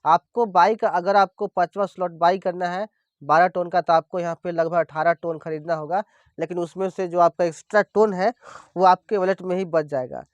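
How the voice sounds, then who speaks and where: A man's voice: sits high, no room sound. A man explaining an app step by step in a screen-recorded tutorial, repeating himself often as he points things out. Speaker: crypto tutorial presenter. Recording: dull lo-fi dry voice-over.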